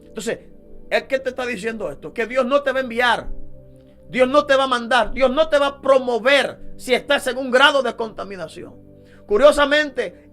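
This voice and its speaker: A male preacher with a very high, bright and forceful voice delivers an emphatic sermon, driving his points home with rhetorical questions. Soft music plays faintly behind him. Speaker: deliverance minister.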